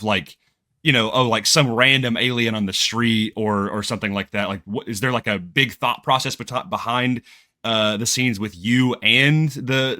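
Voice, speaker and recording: Bright-voiced man asking a rambling question. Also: on the low side, no room sound, clean studio sound. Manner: hesitant, rambling question with many fillers. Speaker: podcast host. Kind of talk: casual podcast interview.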